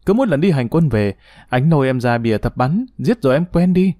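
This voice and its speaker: A man voicing a tender, playful young woman in an audiobook romance, speaking softly and teasingly. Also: mid-range voice, animated, a little fast, no echo, studio quality, lightly acted.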